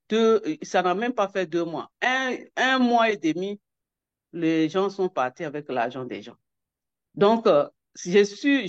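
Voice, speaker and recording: Woman telling her story, halting and emotional, restarts a lot, kinda dull lo-fi sound. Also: fairly low pitch. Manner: hesitant, many restarts and repeated words. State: emotional, near tears. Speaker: network coordinator giving a testimony. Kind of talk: emotional personal testimony.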